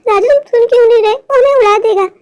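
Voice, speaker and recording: A woman's voice: very high voice, quick pace, darkish tone. A performer voicing a timid, anxious young girl who pleads and worries in a cartoon. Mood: worried pleading. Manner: pleading, fearful.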